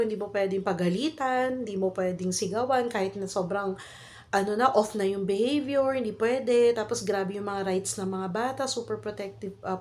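Her medium, slightly mellow voice carries a Filipino accent as she vlogs a casual story. The woman, in her thirties and from the Philippines, is coughing with a cold and talks in chatty Taglish packed with fillers and tag questions.

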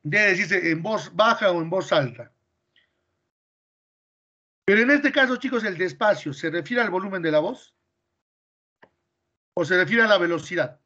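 A man's voice: high-pitched, lively intonation, normal speed, pauses often, sharp tone, highs cut off. A male teacher with a Peruvian Spanish accent explaining grammar in class, quizzing his students with questions step by step.

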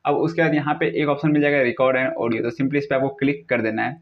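A young man hosts a casual how-to tutorial video, talking briskly in a steady mid-range voice. His step-by-step instructions are repetitive and sprinkled with English words, and the recording is dull and lo-fi.

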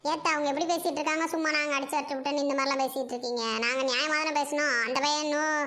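A woman's voice: high-pitched, steady tone, racing, pushed and bright. A woman playing the bride's blunt, argumentative mother in a comedy skit.

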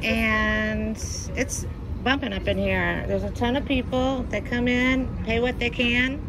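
A woman's voice: fairly high pitch, fairly even intonation, measured pace, background noise. A woman casually vlogging with an upbeat, recommending manner, talking outdoors on a city street. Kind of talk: casual voice-over vlog.

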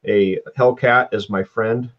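A man hosting a casual chat about cars, talking in an easygoing, halting way. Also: fairly low pitch, fairly even intonation, muffled recording. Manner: easygoing, halting, many fillers. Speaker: host.

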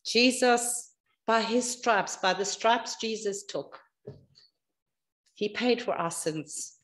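A woman with a high voice tells a story to the children during a church service. She tells it expressively, dropping soft and then rising loud. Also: slow.

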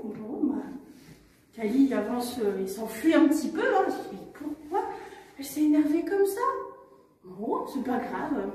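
A woman storyteller telling a children's story with animated exclamations. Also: high-pitched. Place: museum. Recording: echoey room from far off.

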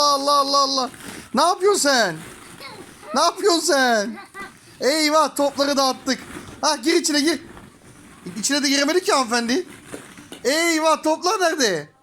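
A woman filming her small daughter, talking in a playful, repetitive, gently scolding way. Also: high voice, slight background noise. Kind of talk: playful coaxing talk to a small child.

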